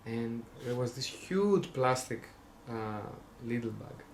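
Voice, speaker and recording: Speaking slowly with lively intonation, a young Greek vlogger rambles in a Greek accent, stumbling through fillers and restarts while cracking wry jokes. His mid-range voice comes with a little background noise.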